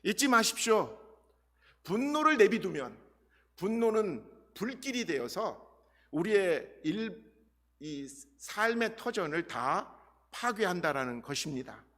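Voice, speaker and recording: A male pastor delivering a Sunday sermon, his fairly high voice leaping up and down as he speaks straight to the congregation. He acts out prayers and dialogue with earnest feeling. Long reverb from the church hall trails after his words. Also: slow. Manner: animated preaching, addresses the congregation directly. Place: church sanctuary.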